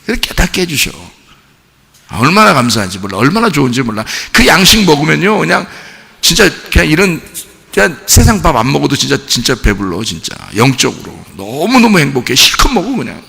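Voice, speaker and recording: A male pastor preaching a sermon. He swings from quiet musing to shouted, childlike pleading. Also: on the high side, sing-song, fairly quick, creaky, breathy edge, big-room sound. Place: church sanctuary.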